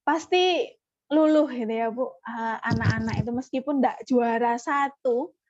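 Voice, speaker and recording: A woman leading an online parenting workshop, animated and acting out parent-child dialogues. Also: fairly high pitch, unhurried, no echo, muffled recording. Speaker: parenting trainer.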